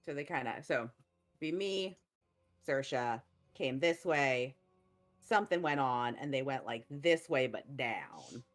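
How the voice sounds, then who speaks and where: Low-voiced woman thinking aloud. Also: expressive, slow pace, soft background music. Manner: thinking aloud, trailing off, laughing often. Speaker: player. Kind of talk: casual tabletop game chat.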